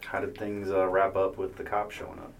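Low voiced investigator guy asking careful questions, sounds far from the mic, faint hiss. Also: little pitch movement, a little fast, creaky. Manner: methodical, probing questions. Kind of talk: questioning a witness. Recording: distant mic with faint noise.

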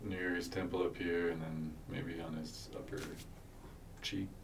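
A man answering questions as a witness, halting and unsure, often restarting his sentences. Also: low voice, level tone. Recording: distant mic with faint noise.

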